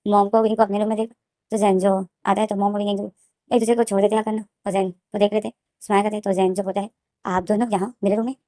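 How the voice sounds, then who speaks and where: A woman's voice: mid-range voice, little pitch movement, quick pace, warm tone, no echo, clean studio sound. A woman narrating her own fan story in a casual, rambling way with frequent restarts.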